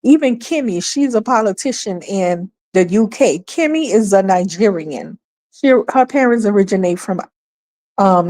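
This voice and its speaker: Woman, casual commentary host, animated, laughs often. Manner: animated, laughs often, acts out quoted people in a higher voice.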